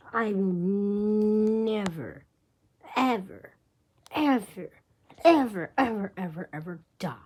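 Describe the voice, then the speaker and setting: A woman voicing a taunting male bear mastermind in a fan-made drama, with a husky, slow, mocking delivery. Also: fairly high pitch, a little mellow.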